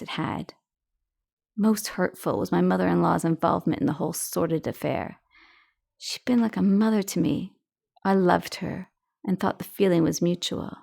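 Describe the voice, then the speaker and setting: A woman's voice: fairly low pitch, gravelly, darkish tone. A middle-aged woman narrating her own memoir as an audiobook, in an intimate, reflective first-person tone.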